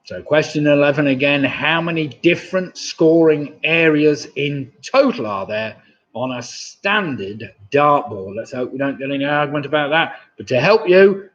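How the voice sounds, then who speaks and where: A man's voice: fairly high pitch, expressive, moderate pace, a bit bright. A man in his sixties hosting a live online pub quiz from home, chatty and chuckling at viewers' jokes, on a webcam mic. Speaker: quizmaster. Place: home room, indoors. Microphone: webcam mic, seated at desk. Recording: dull lo-fi webcam audio.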